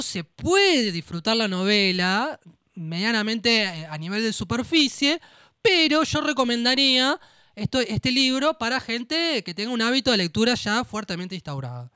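A man's voice: very high voice, lively intonation, a little slow, bright, forceful tone, clear, resonant tone, no room sound, clean studio sound. A young man with a Rioplatense Argentine accent, co-hosting a literary radio show, giving a hesitant book commentary full of restarts. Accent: Rioplatense Argentine Spanish. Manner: hesitant, repeats and restarts words.

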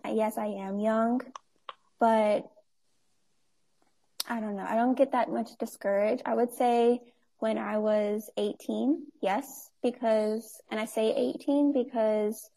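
A woman in her twenties, a nonprofit owner, chats casually as a guest in an interview, her talk full of fillers and easy laughter. Her voice is a little high, gravelly, and mellow.

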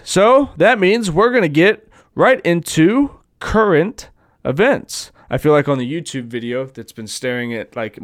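A man's voice: mid-range voice, clear, resonant tone. A man hosting his own podcast, ranting in a casual, profane, rambling monologue. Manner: profane, rambling, mock-stammers people he imitates. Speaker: podcast host. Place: home recording, seated at phone.

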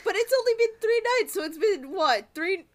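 A woman with a high voice chats casually on a book podcast. She giggles and rambles, and she restarts her questions as she goes. She sounds loose and playful. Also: animated, moderate pace. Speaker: podcast co-host. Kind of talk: casual book-club chat.

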